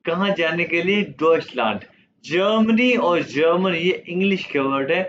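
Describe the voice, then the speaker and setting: A man whose first language is Urdu teaches a beginner German class, speaking very slowly and repeating each word. His voice sits a little high. The audio is slightly dull and lo-fi, with faint noise behind it. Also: fairly bright tone. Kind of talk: online language lesson.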